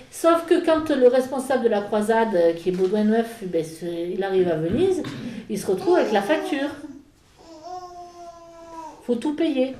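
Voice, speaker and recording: A woman explaining medieval history in a casual talk, halting with many fillers and restarts. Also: on the high side, roomy sound, low-quality recording. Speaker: speaker on a church history talk. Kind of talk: informal history lecture in conversation.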